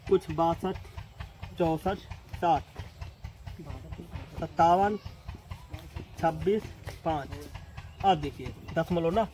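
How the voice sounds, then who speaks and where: A man's voice: high-pitched, darkish tone, slight background noise, poor audio. A man teaching basic math in a casual classroom way, repeating each point and tagging lines a questioning "na". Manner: talks straight to students, repeats points with "na" tags.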